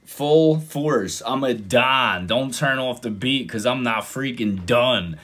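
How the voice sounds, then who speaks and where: Excitable man reacting to music. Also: medium pitch, takes it slowly. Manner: excitable, exclaims and breaks into mock voices. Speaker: reaction video host. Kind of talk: casual reaction commentary.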